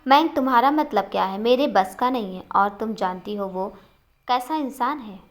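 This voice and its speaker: A woman's voice: fairly high pitch, moderate pace, lightly acted. Woman reading as an angry jealous young husband. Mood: sulky. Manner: curt, brooding.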